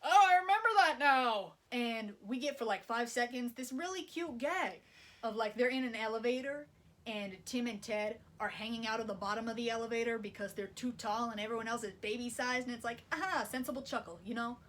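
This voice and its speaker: Sarcastic woman narrating a film recap, slightly high voice. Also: fairly even intonation, fairly quick, a bit bright. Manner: wry, sarcastic, casual swearing. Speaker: video essayist.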